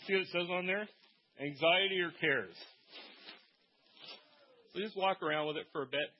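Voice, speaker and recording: A man preaching a sermon in an animated way, shouting calls and joking with the congregation. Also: sits high, normal speed, lo-fi sound, slight background noise. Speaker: pastor.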